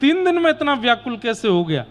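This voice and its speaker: A man's voice: very high-pitched, big pitch swings, a little fast, a bit bright, exaggerated voice. A male preacher voicing a humble wandering devotee who speaks plainly and pleads for food. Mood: pleading.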